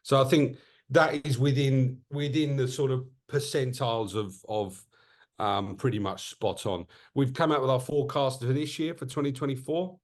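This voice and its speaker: A man's voice: mid-range voice, moderate pace. A man co-hosting a podcast, chatting casually and jokily, often restarting his sentences. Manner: animated, self-interrupting, jokey. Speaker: podcast co-host. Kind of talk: casual market chat.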